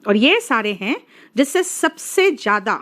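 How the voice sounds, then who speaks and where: Woman, grammar teacher, classroom lesson, high-pitched, very animated intonation. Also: unhurried. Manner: coaxing, calls students "beta", drags out example words. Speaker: English teacher.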